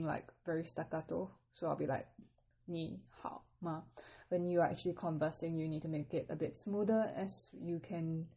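A woman teaching a lesson, patiently explaining in English and reading out phrases slowly with careful tones. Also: sits low, mellow, breathy edge. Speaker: Mandarin teacher. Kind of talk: podcast language lesson.

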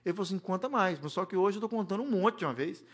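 A man's voice: high voice, lively intonation, very fast, husky. A man from preaching a humorous sermon, telling stories and acting out the dialogue. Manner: storytelling, acts out dialogue, jokes. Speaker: pastor.

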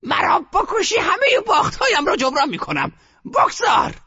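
A man voicing an imperious, frantic old grandmother gambler who shouts commands. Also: very high-pitched, very animated, dull audio, pitched above the performer's own voice, full character voice.

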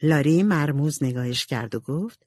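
A woman narrating an audiobook in an expressive storytelling manner. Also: low-pitched, husky, no room sound. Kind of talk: scripted narration.

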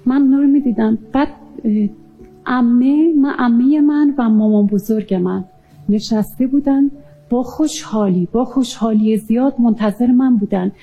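A woman recounting a near-death experience in an earnest, halting way, often pausing with fillers. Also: fairly high pitch, phone-quality sound. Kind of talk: emotional personal testimony.

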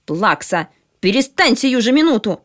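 A woman's voice: fairly high pitch, sing-song, normal speed, fairly bright tone. A woman voicing a spiteful older schoolgirl with a sneering, scolding manner.

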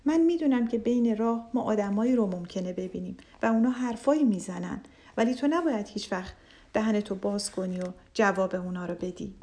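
A woman's voice: mid-range voice, mellow, natural voice. A woman playing a sensible, cautious duck. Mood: firm.

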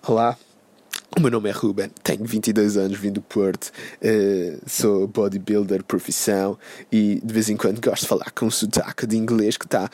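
A man voicing a cocky young male reality-show contestant, speaking in a slow, self-satisfied, lower drawl. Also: little pitch movement, warm tone, dry recording, lightly acted. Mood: boastful.

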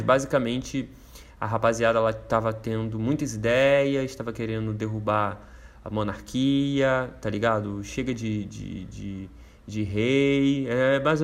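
Male host, Brazilian Portuguese accent, casual slangy explainer, mid-pitched and easygoing. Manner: laid-back, slangy, rambling with fillers.

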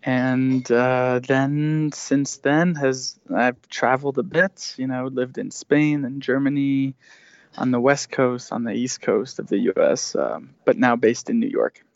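A startup founder from Switzerland, in his thirties, hesitates his way through a casual remote interview as a guest, full of fillers and restarts. He speaks a little slowly with a mid-range voice, fairly even intonation and vocal fry, over dry, dull, lo-fi audio.

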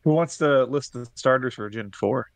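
A man's voice: medium pitch, moderate pace, gravelly, dry recording. A man co-hosting a casual gaming podcast, joking around, laughing often and swearing casually. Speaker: podcast co-host. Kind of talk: casual chat.

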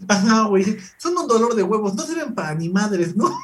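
A man's voice: sits high, big pitch swings, moderate pace, a bit bright, a little hiss or hum. A Mexican man hosting a casual comedy podcast, joking like a frat bro with crude slang and plenty of swearing. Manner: laughs often while talking. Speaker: podcast host.

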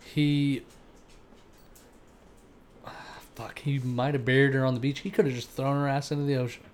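A man co-hosting a podcast and telling a case the casual way, with fillers, restarts and the odd swear. His voice sits at an ordinary middle pitch. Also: little pitch movement, normal speed, slight background noise. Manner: loose, swearing, storytelling with fillers. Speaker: podcast co-host. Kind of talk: casual chat.

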